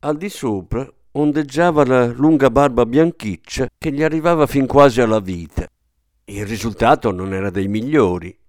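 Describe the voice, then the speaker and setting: A man reading a literary story aloud as an audiobook narrator, in an expressive, measured storytelling manner. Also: mid-range voice, no echo, clean studio sound. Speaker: audiobook reader.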